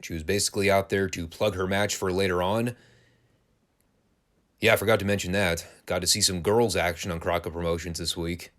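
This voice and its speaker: A man's voice: deep voice, level tone, a little fast, fairly bright tone. A man hosting a wrestling podcast, giving a casual, sarcastic and crude play-by-play review of an old broadcast. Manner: sarcastic, crude, dry humor.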